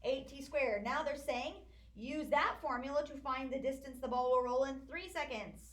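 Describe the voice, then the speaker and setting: A woman math teacher lecturing a classroom, walking through problems step by step and hushing her students. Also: high-pitched, normal speed. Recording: echoey classroom recording.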